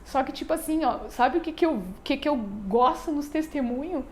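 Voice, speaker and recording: A woman's voice: sits high, lively intonation, moderate pace, slight background noise. A woman with a southern Brazilian accent from Rio Grande do Sul, nervously telling a heartfelt church testimony in a rambling way, full of fillers and restarts. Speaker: church member giving testimony. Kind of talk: emotional personal church testimony.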